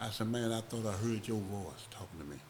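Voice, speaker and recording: A man's voice: on the low side, noisy background. Man telling a rambling story. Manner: slow, rambling, acts out voices in his stories. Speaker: podcast guest. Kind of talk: casual storytelling.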